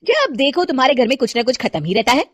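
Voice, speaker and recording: Brief: arrogant, scolding young housewife for a storybook, a woman reading all roles, high lively voice, dry. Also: normal speed, dry recording. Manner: shrill, scolding and sharp-tongued.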